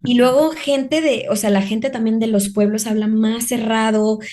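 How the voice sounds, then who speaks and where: A woman's voice: a little high, fairly even intonation, moderate pace, mellow. A woman with a Mexican accent, a guest on a podcast, chatting casually about her life and acting out her own past remarks in quoted asides. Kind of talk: casual conversational storytelling.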